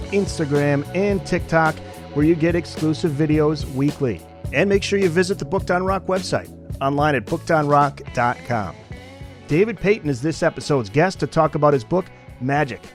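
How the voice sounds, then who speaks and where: Upbeat male podcast host. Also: on the high side. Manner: upbeat announcer-style delivery. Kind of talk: podcast interview with scripted intro.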